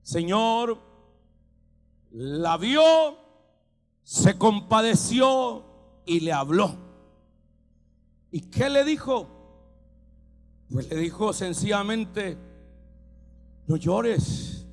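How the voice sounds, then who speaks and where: A male pastor preaching with a very high voice, at a slow, drawn-out pace. He swings between fervent shouts and quiet, intimate lines. A long reverb from a large church hall carries his voice over faint music. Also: big pitch swings. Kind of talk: sermon.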